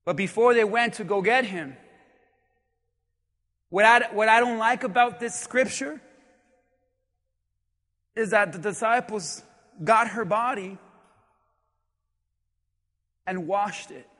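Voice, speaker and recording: Brief: male pastor preaching in a church, very high voice, animated, shouts for emphasis, long hall echo. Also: slow, pauses often. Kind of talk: sermon. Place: church sanctuary.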